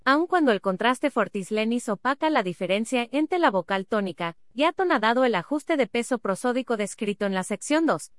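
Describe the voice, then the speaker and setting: Female reader, slightly high voice, dry close sound, reads a dense academic paper literally. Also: dry recording. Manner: reads symbols, figure captions and abbreviations literally. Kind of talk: reading an academic paper aloud.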